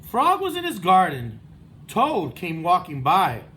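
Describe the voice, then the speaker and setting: A man's voice: high voice, huge pitch swings, unhurried, pushed and bright, a little hiss or hum. A man speaking as a first-grade teacher, narrating a read-aloud for young children.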